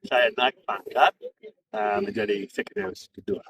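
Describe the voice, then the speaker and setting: Distant-miked man speaking halting foreigner's Indonesian. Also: on the low side, a bit bright. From Australia. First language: English. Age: middle-aged. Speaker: interview guest, former diplomat and interpreter. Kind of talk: casual interview. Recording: distant mic amid clear crowd chatter.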